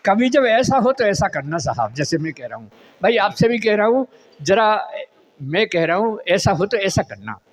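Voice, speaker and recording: An older man, a comic poet, reciting humorous verse to a live audience in a drawn-out, half-sung way, repeating lines and chatting with the crowd between them. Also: high voice, big pitch swings.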